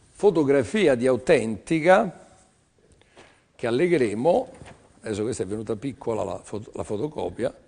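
Chatty older man selling paintings on air. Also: a little mellow. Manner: chatty, teasing, rambling salesman pitch. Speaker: TV art auction seller. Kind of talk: live sales patter.

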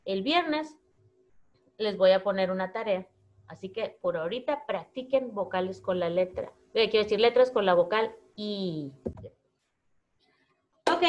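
Slow-spoken teacher woman, high voice. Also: lively intonation, darkish tone. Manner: slow, clear, repeating words for young children. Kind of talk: children's phonics lesson video.

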